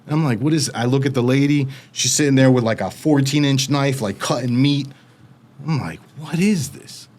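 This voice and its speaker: Mid-range in voice, a young American man relates his own story during an interview. The delivery is fast, casual and energetic, with quoted voices slipped in.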